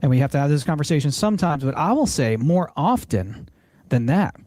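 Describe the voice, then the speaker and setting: Speaking a little fast with big pitch swings, this podcast host sits on the high side in a mellow voice with no echo. A financial planner, he walks through retirement planning in an earnest, casual, explanatory way, repeating phrases as he reframes ideas.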